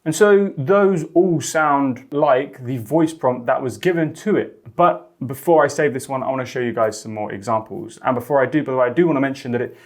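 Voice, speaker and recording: A man hosting a software tutorial, upbeat and chatty, explaining steps enthusiastically. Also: mid-range voice. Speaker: host.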